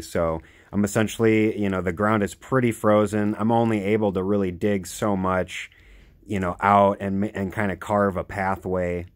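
A young man casually narrating his homestead work outdoors, rambling and eager, with lots of "you know" fillers. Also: sits low. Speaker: homesteader vlogger.

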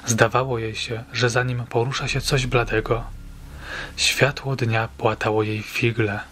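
A man's voice: mid-range voice, little pitch movement, a little slow, pushed and bright, a little hiss or hum. Man narrating a suspenseful audiobook. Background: faint background music.

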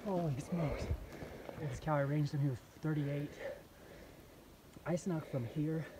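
A man's voice: fairly high pitch, unhurried, noisy background. A bowhunter talking outdoors in breathless, awed bursts, repeating his exclamations. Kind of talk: excited field chatter. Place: outdoors in open country. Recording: loud music over the voice.

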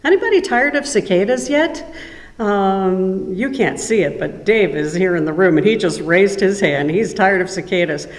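A woman's voice: mid-range voice, animated, moderate pace. A woman giving a chatty, informal devotional message in a church sanctuary, with a cathedral-like echo. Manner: chatty and conversational, with frequent ums. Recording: echoey church sanctuary with long reverb.

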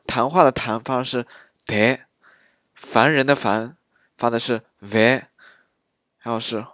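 A man walks through dialect sounds one by one in a very slow, halting way, often pausing on filler sounds. His voice sits at a middling pitch. The recording is dry and close, with no room sound. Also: fairly bright tone, no echo. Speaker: dialect teacher. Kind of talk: pronunciation lesson.

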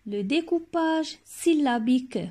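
A woman kindergarten teacher giving a slow lesson for young children, saying each word carefully, repeating it and praising the class. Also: high-pitched, expressive, mellow.

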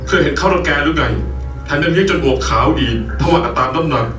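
A man dubbing a proud young gentleman in a historical Chinese costume drama. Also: fairly high pitch, quick pace, close to an everyday voice. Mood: indignant. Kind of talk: dubbed costume drama acting. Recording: echoey distant playback with music.

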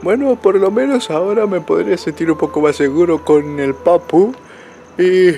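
Hoarse young vlogger. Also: male voice, sits high, moderate pace, warm tone, faint music behind. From Colombia. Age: young adult. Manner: playful, crude, exaggerated outbursts. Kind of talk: joking handheld vlog. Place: outdoors in a city street. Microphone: handheld camera at arm's length.

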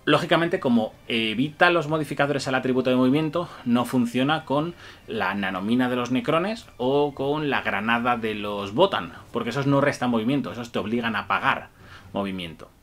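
A man's voice: medium pitch, expressive, moderate pace, fairly bright tone. A man breaks down tabletop game rules to camera with eager enthusiasm. He chuckles often and peppers his explanations with "eh" and "vale". The sound is that of a webcam at a desk in a small room. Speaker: tabletop wargame rules reviewer.

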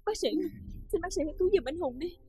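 A woman's voice: very high-pitched, expressive, fast, mellow, no echo. An actress playing an anxious young woman who begs the doctor in a TV drama. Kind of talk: TV drama acting.

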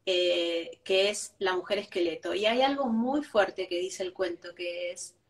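A woman's voice: lowish voice, a little slow, recorded from a distance. A woman, a guest giving reflective spiritual talk, who tags each point with a questioning "right?". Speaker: interview guest.

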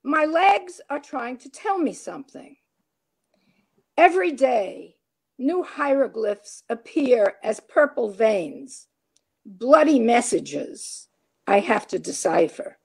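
A woman poet and professor giving a short background, then reading her poem in a measured, deliberate way. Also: a little high, sing-song, gravelly, slightly rough. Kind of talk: poetry reading.

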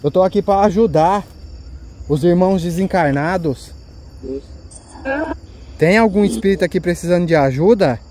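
Man, Brazilian accent, slightly high voice, jumpy exclamatory ghost-hunt commentary, outdoors at night, loud insect noise. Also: moderate pace, pauses often. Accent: Brazilian Portuguese. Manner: anxious, exclamatory, keeps pointing things out. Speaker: paranormal investigator, channel host. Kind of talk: live ghost-hunting vlog commentary. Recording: loud crickets and insects behind.

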